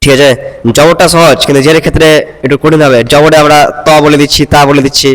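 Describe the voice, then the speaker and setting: A man teaches a student to read, breaking words into syllables and patiently correcting each one. His voice sits fairly high and stays flat and even. A long reverb trails behind every word. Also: fast. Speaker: Quran recitation teacher. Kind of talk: one-on-one reading lesson.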